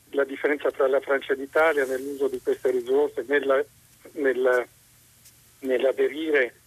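A man phones in to a radio talk show, his voice coming down a telephone line. His tone is husky and slightly raspy, and the sound is dry and close. He pauses often and restarts his sentences while he looks for words. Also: medium pitch, no room sound. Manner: hesitant, searching for words with frequent pauses and restarts. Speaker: radio call-in listener. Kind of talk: call-in question to a radio host.

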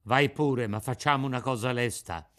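A man's voice: medium pitch, moderate pace, a bit bright, lightly acted. A man playing curt, commanding policemen. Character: stern military policemen, gruff and curt. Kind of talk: dramatic radio reading.

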